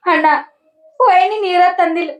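A woman's voice: very high voice, unhurried. A woman with a North Karnataka Kannada accent playing a tearful younger sister who has fled her drunk husband, crying and pleading with her brother. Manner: sobbing, pleading, calls her brother often. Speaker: sister in a comedy skit.

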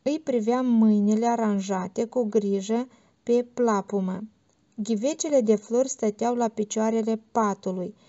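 A woman narrating literary fiction in a measured, steady audiobook reading, on a dull lo-fi recording. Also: a little high. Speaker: audiobook reader.

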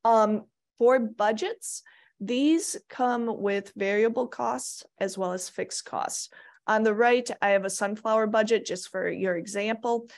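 A woman's voice: mid-range voice, measured pace, a little mellow. A woman from Minnesota giving a practical slide lecture as an extension economist, plainspoken with light asides, speaking into a computer mic. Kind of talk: recorded slide presentation.

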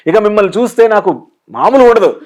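Fast-talking animated Telugu motivational speaker. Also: male voice, sits high, highs cut off. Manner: animated storyteller who plays out the scenes he describes. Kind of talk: guest in an interview.

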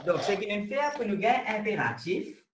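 A man leads an online lesson, walking through each step and checking that everyone follows. His pitch rises and falls a great deal, and he sounds distant in an echoey room with faint hiss behind him. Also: lively intonation, normal speed. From Mauritius. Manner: explains step by step, keeps checking students follow. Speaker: Arabic teacher. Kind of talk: online class lecture. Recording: roomy, distant with faint noise.

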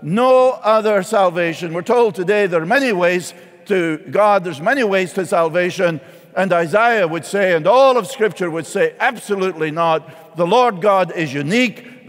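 A man pastor preaching a sermon with passion, repeating key phrases. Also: high-pitched. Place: large church sanctuary. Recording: long church reverb.

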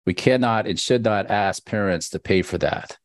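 A man co-hosting a webinar speaks into a headset with a very low, deep voice. His measured, earnest opening speech sounds close and dry, with almost no room around it, and only a few fillers slip in. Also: no echo. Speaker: professor, co-host. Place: indoors on video call. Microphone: headset on video call.

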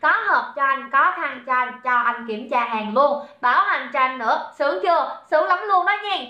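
A young woman selling on a livestream reads out viewer comments in a chatty, teasing way. Her voice sits high, and she speaks at a moderate pace. The room is echoey and the sound dull and lo-fi.

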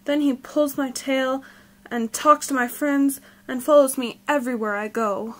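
A small, worried raccoon boy from a storybook, jealous of his baby brother and plaintive when he asks questions, as a woman reads him aloud. The voice sits a little high, and each line comes out pleading. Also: steady tone, unhurried, fairly bright tone.

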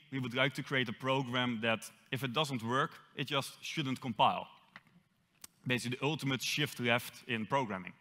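This Dutch-accented young man from the Netherlands delivers a conference talk in an auditorium, his mid-range voice bright and forward. Long hall reverb lingers after him as he drops in dry, self-deprecating humor.

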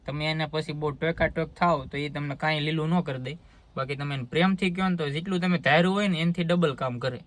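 A man, vlogging earnestly to his phone outdoors on a farm. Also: on the high side. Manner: earnest, talks in a homely village way. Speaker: farmer vlogger. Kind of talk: casual vlog talk to camera. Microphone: phone held by the speaker.

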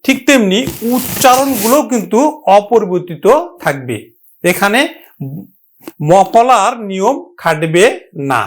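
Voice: mid-range voice, expressive. A teacher giving a pronunciation lesson, who stretches out each example word carefully and says it more than once. The teacher asks the listener questions and then answers them. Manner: drawn-out, careful sounding of example words.

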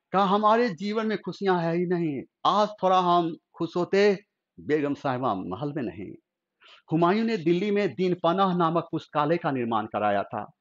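A male teacher tells history as theatrical drama, his voice pitched high. The recording is dull and lo-fi. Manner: emotional, theatrical narration. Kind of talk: dramatic history storytelling lecture.

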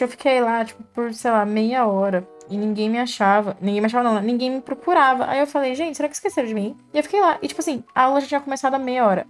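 A woman's voice: a little high, a little mellow. A young woman, chatting to viewers while doing cosplay makeup and telling childhood stories in a slangy, self-mocking way. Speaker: cosplay vlogger.

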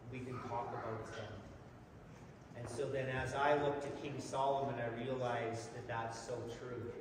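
Middle-aged guy preaching, kinda high voice, homey and self-mocking, long hall echo. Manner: folksy and self-deprecating, repeats words. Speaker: lay preacher. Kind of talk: sermon. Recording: echoey hall, voice from far off, noisy.

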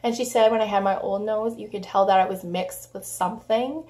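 A young woman talks straight to her camera at home, blunt and chatty, with plenty of swearing and "like" fillers. She is getting over a cold, so her voice has a hoarse, smoky edge, while her pitch sits in an ordinary middle range. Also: steady tone, fairly quick, darkish tone. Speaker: vlogger. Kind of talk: casual vlog talk to camera.

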